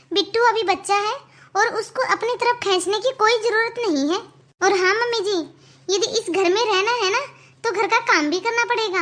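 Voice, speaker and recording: Woman as bossy daughter-in-law, cartoon, sharp taunting tone, very high voice. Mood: scolding. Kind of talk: cartoon voice acting.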